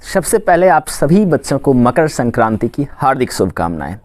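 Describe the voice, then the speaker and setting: A man's voice: mid-range voice, sing-song, normal speed, a little mellow, no echo. A man from Bihar speaks as a maths teacher explaining a lesson step by step. His voice rises and falls a great deal. He keeps asking questions and answering them himself. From Khagaria, Bihar, India. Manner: asks questions and answers them himself, says "ठीक" often.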